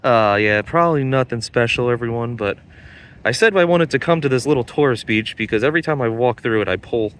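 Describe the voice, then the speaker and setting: A man's voice: mid-range voice, fairly quick, a bit bright. A young man hosting a metal detecting vlog outdoors at a beach. He talks in a chatty way straight to his viewers and narrates casually into a handheld phone. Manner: chatty, addresses viewers directly.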